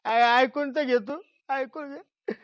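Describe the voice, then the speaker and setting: A woman's voice: high voice, steady tone, takes it slowly, dry recording, highs cut off. A woman playing a stubborn drunk village husband. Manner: slurred drunken insistence, groaning. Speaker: comic actor.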